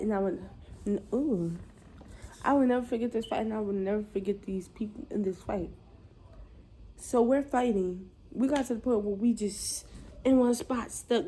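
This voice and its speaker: A young woman tells a casual storytime to her viewers, animated and slangy. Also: on the high side, a little hiss or hum. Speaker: vlogger.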